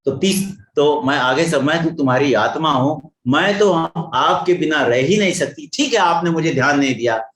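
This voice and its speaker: A man's voice: on the high side, expressive, moderate pace, few pauses, a bit bright. A devoted queen pours out her loyalty to her king, voiced by an older man in his own voice. The recording is roomy and echoey. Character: devoted adoring female queen. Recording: echoey room.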